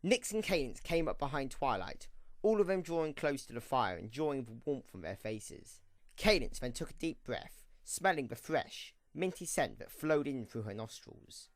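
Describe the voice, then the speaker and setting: A man narrates a scripted story for an audio drama, telling it in an expressive storytelling manner. His voice is mid-range and his speed normal. The recording is dry.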